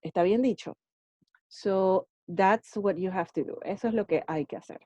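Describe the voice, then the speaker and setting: Here a woman English teacher talks casually about learning languages, friendly and often asking "ok?" while slipping English words in. Her mid-range voice moves at normal speed with a dark tone, and the recording has no echo but loses its highs.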